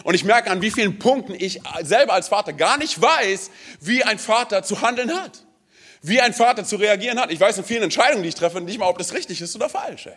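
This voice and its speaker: A high-pitched male preacher from Romania delivers a sermon with emphatic fervour. He keeps asking the congregation questions and punctuates his points with quick interjections. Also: lively intonation, a bit bright, breathy edge. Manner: emphatic, fills with "hey" and "ey"; speaks straight to the congregation with questions. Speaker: pastor.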